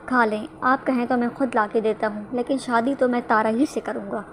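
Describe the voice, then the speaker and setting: A woman's voice: fairly high pitch, lightly acted. A woman reading the lines of a stubborn, firm young man in a storybook reading, with faint background noise. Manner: firm, calm. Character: stubborn young man devoted to his love.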